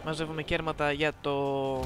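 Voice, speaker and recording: A woman's voice: sits low, little pitch movement, music in the background. A woman giving casual let's-play commentary, playful and teasing as she chats to viewers on a close microphone. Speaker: gameplay commentator. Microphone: close desk microphone.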